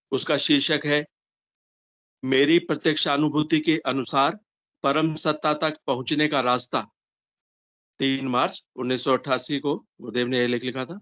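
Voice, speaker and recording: A man reading a devotional text aloud in an earnest, steady way over a video call. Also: medium pitch, normal speed. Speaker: reader in an online satsang. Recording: dull video-call audio.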